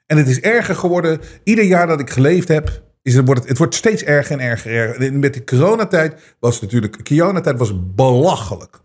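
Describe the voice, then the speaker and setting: A man's voice: mid-range voice, lively intonation, a little fast, few pauses. A man hosting his own show, ranting in an indignant, sarcastic way with many restarts and repetitions. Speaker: host. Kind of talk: ranting commentary.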